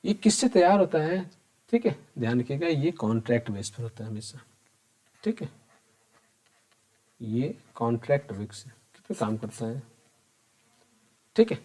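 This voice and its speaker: A man at a mid-pitched, ordinary register, teaching an exam-prep accounting lesson. He speaks casually and keeps turning to his students with questions, then answers them himself and repeats the main point. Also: big pitch swings, a little slow, long pauses, mellow. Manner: conversational, addresses students directly and asks them questions.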